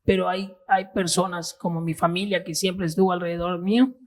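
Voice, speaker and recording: A man in his thirties speaks as an interview guest, recounting his own experience. He talks earnestly but haltingly, restarting phrases as he searches for words. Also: high voice, fairly even intonation. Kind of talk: personal testimony in interview.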